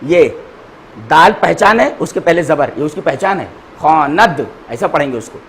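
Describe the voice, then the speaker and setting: A man teaching a grammar class, repeating each word slowly and spelling out letters and vowel marks for his students. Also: on the high side, animated, a bit bright, a little hiss or hum, rough recording.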